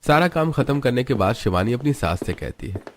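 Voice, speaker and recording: A man narrating a family drama story in an even, storytelling way. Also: medium pitch, brisk, no room sound.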